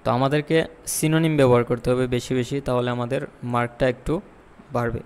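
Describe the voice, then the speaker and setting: A man teaching IELTS speaking tips in a lesson. He explains in Bengali, slips in English terms, reads example sentences slowly and repeats key points. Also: mid-range voice, steady tone, darkish tone, smooth, long reverb tail. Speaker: IELTS tutor. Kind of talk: spoken exam-tips lesson.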